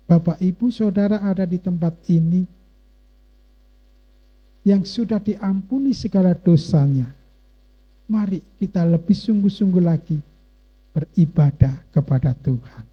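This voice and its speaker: Preacher man, slow and emotional, goes quiet then loud, muffled lo-fi church audio. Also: sits high, lively intonation. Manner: emotional, impassioned, swings between hushed and loud. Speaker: pastor. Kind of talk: sermon with personal testimony. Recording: dull, muffled lo-fi church recording.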